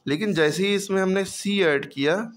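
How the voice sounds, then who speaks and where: A man's voice: high voice, moderate pace. A man teaching English reading in a patient classroom lesson, drilling students with repeated questions.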